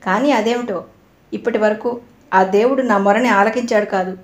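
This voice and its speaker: A woman's voice: mid-range voice, fairly even intonation, normal speed, natural voice. A woman narrator voicing a cheerful young male doctor who talks in a playful, teasing way. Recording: roomy echo.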